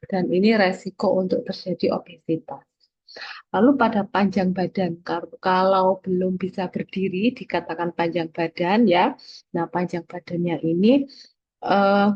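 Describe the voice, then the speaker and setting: A woman's voice: mid-range voice, husky, no echo, highs cut off. A woman giving a recorded lecture, explaining step by step and checking in with her listeners.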